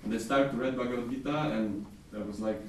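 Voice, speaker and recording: A man's voice: medium pitch, fairly even intonation, fast. A man from Crimea, telling a story in a rambling, laughing way. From Ukraine (Crimea). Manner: rambling, laughs easily, repeats words. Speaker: devotee sharing a story. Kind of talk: casual storytelling. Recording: roomy echo, distant mic, faint noise.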